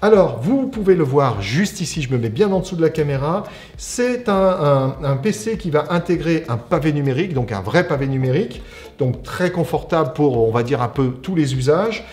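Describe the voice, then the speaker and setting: A man's voice: fairly high pitch, expressive, moderate pace, darkish tone. A man from an IT company giving a casual, chatty unboxing review, explaining as he goes. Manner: chatty, explanatory, frequent "alors" and "on va dire". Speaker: IT company presenter.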